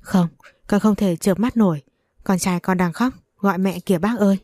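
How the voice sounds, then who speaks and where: A woman's voice: medium pitch, normal speed, a little mellow, no echo, clean studio sound, natural voice. A woman reading the part of a manipulative, vengeful young woman in a spoken story. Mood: tearful, pleading.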